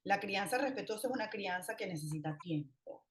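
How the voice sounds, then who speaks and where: A woman talking calmly in a podcast conversation, explaining parenting ideas and acting out what parents say. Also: medium pitch, a little fast, slight background noise. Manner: calm, explanatory, acts out parent voices. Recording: roomy echo.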